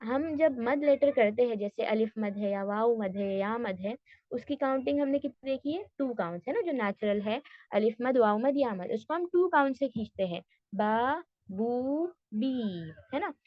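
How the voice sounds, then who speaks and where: A woman teaching a tajweed class online, patiently explaining step by step and slowly modelling sounds. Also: fairly high pitch, expressive, dry recording, lo-fi sound.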